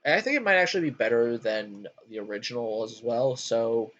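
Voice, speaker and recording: A man hosts a relaxed chat about video games, and his pitch swings widely from line to line. He fills pauses with ums and jumps between thoughts. The recording sounds dull and lo-fi. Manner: animated, jumpy pitch with frequent ums. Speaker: podcast host ranking game worlds. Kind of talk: casual gaming chat.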